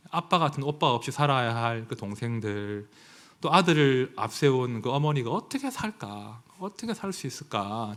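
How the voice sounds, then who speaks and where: Impassioned Korean pastor preaching. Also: male voice, mid-range voice. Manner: emotional, swings from hushed asides to raised outcries; conversational, asks the congregation for agreement. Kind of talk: sermon.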